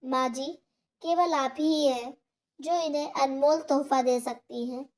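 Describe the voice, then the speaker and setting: A woman's voice: high-pitched, steady tone, measured pace, darkish tone. A woman voicing a sly grown son who coaxes his mother in a storybook tale.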